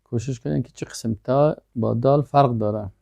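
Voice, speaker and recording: A man gives an Arabic lesson in a low, gravelly voice. He reads short drill phrases and then explains each one patiently. The recording is dry and close. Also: dark tone, no echo. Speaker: Arabic language teacher. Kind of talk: language lesson.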